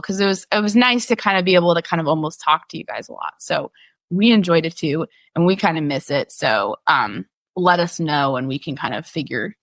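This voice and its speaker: Female podcast co-host, lower-pitched, dry close sound, rambling conversational delivery. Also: a bit bright, dry recording. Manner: chatty, many restarts and fillers, laughs easily. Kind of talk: casual chat reading patron questions.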